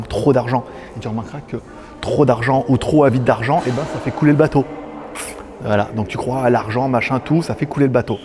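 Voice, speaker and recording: A man's voice: mid-range voice, noisy background. A man casually vlogging his way through an exhibition, chatty and loose, with frequent laughs and fillers. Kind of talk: casual vlog commentary. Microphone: handheld camera on a stabilizer.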